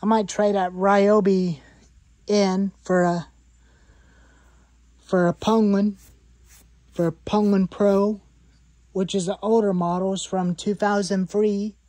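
Slowly and with frequent pauses, a woman in her twenties shows off saw parts in her cluttered garage workshop, repeating herself and listing items for her chainsaw vlog. Her voice is mid-range, warm and flat, with no echo.

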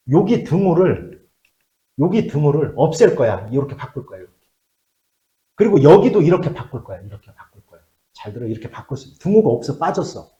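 A man's voice: medium pitch, roomy sound, dull audio. A middle-aged man teaching a math class, checking in with questions and muttering as he works at the board. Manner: lively, asks checking questions, drops to mutters while writing. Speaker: math tutor.

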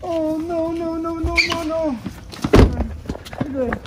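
A man's voice: extremely high pitch, steady tone, slow, heavy background noise. A man in his thirties playing a casual, colloquial young father in an amateur family fantasy skit. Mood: wailing panic. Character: young dad humoring then panicking over his daughter.

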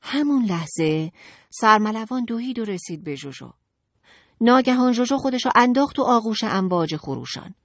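A woman narrating a children's audiobook in an expressive, dramatic storytelling manner. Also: a little high, dry recording, clean studio sound.

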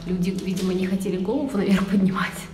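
A woman giving casual walking commentary as she explores an abandoned building, often dropping her voice to a hush. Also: medium pitch, fairly even intonation, fast. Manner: chatty, half-hushed, often drops to a whisper. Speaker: urban explorer vlogger. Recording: echoey empty rooms with music. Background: background music.

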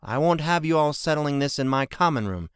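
A brisk, commanding innkeeper woman, as a male narrator puts her on in an audiobook. She scolds in firm, raised tones above his usual voice. Dry, close recording. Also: on the high side, lively intonation, clear, resonant tone, no room sound, voice pushed up, natural voice. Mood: scolding.

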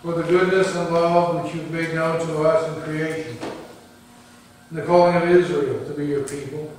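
A man leading a communion service as priest, reciting prayers in a steady, measured way, with a cathedral echo. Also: a little high, slight background noise. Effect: cathedral echo, heard from far off. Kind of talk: liturgical prayer. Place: large church. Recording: echoey large church, distant mic.

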